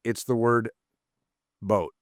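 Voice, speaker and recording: A man co-hosting a casual podcast chat, telling lively stories and slipping into put-on accents. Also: lowish voice, slow pace, no room sound, clean studio sound. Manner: animated storyteller, slips into put-on accents. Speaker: podcast co-host.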